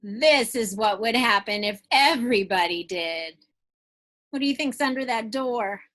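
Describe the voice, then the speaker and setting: A woman teacher reads a picture book aloud to young children, drawing out phrases expressively and asking her listeners questions directly. Her voice is fairly high and a bit bright, at a measured pace.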